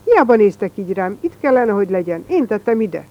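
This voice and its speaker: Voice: mid-range voice, big pitch swings, lo-fi sound. A reader voicing a boastful schoolboy who plays detective, pompous and self-important, in a storybook reading. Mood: tearful, pleading. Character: boastful boy playing detective, male.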